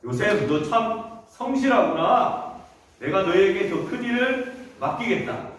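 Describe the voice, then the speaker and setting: A stern, wealthy master of the house, as a man plays him, laying down firm orders in a children's Bible story. The voice sits a little high and carries through an echoey church hall, heard from a distance. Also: expressive, unhurried, a bit bright, a little hiss or hum. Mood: commanding.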